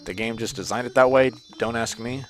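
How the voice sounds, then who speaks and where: A man hosting a let's play, rambling casually over the game. He shifts from mumbled asides to sudden loud outbursts and has the hiccups. His voice is mid-pitched, with faint game music underneath. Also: fairly even intonation, a little fast. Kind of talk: casual gameplay commentary.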